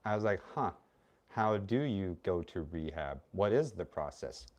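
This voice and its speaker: A man with a low-pitched voice talks bluntly in a casual livestream chat. He is outspoken and rambles from one thought to the next, and he has the hiccups. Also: lively intonation, a little slow, darkish tone, lo-fi sound. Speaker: co-host.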